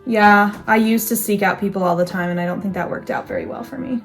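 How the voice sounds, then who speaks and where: A woman's voice: medium pitch, fast, over loud music. A young woman in casual chat, thinking aloud in a reflective, rambling way with restarts. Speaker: co-host.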